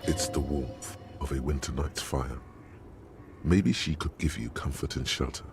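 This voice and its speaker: A male actor playing a solemn, erudite game narrator with a gravelly voice and measured, darkly poetic delivery. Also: extremely low pitch, faint music behind.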